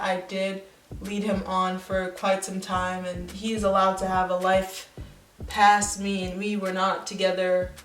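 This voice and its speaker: A woman's voice: medium pitch, fairly bright tone, reverberant, low-quality recording. A woman of nineteen reading her old story aloud and breaking off for sarcastic, self-mocking comments. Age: young adult. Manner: sarcastic, self-mocking asides between read passages.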